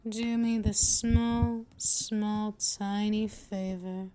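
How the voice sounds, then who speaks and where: Over background music, a woman plays a patient, possessive vampire mistress in a scripted ASMR roleplay. Her medium-pitched voice is level and very slow, coaxing, soothing, and dominant, and it often drifts toward a whisper.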